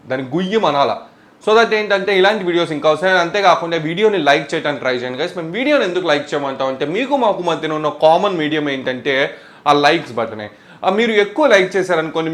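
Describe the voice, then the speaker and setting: A young man, hosting a casual tech vlog in a chatty, animated way and mixing in English words. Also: on the high side. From India. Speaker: tech YouTuber.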